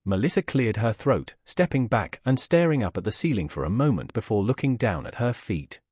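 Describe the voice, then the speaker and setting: A man narrating a romance fanfiction story in an expressive, dramatic reading. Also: on the low side, fairly quick, slightly rough, no room sound, clean studio sound. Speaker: fanfiction reader.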